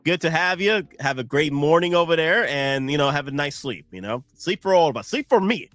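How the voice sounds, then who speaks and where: A man's voice: a little high, brisk, fairly bright tone, no echo, faint music behind. Tired, rambling Southern American man. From United States. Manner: rambling, chatty, frequent restarts and asides to chat. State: tired, sleep-deprived. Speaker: live stream host. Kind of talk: casual live-stream chat.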